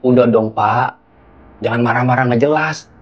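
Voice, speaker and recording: Guy playing a sorry young husband, keeps begging his father-in-law to calm down. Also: mid-range voice, normal speed, muffled recording, close to an everyday voice. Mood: pleading. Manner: pleading, apologetic, deferential. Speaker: son-in-law. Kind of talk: low-budget film acting.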